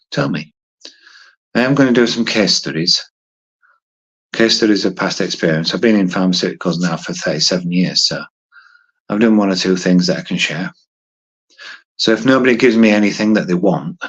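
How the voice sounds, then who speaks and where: A man in his fifties talks to viewers on a casual phone livestream while doing push-ups. His voice sits a little low and is slightly husky. He speaks in a hesitant, rambling way, thinking aloud as he goes. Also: a bit bright, muffled recording. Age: 50s. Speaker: livestream host. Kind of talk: casual live chat to viewers.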